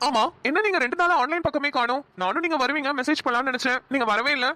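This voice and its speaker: An eager young man from a cartoon, polite and quick to praise, played by a woman. He talks fast in a fairly high voice. He sounds keen and courteous. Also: pushed and bright, no room sound. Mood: friendly. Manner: friendly, apologetic. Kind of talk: cartoon voice acting.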